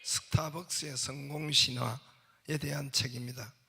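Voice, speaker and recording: A man's voice: mid-range voice, steady tone, a little slow, creaky, pushed and bright, breathy edge. A man preaching a sermon as pastor, telling jokes and asking his congregation questions. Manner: jokey storytelling, asks the congregation questions. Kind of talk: sermon with humorous anecdotes. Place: church sanctuary.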